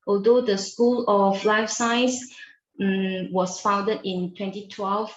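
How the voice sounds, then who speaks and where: A young adult woman from Malaysia whose first language is Chinese answers interview questions as a university student. Her mid-range voice stays level while she speaks carefully with many hums and pauses, recorded muffled in an echoey room.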